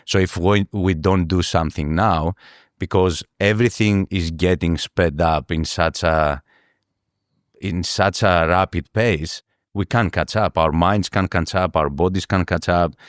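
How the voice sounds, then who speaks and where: A man from Greece, a podcast guest speaking earnestly in a halting way, often repeating words as he searches for them. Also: deep voice, fairly even intonation, no echo, clean studio sound. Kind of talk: podcast interview.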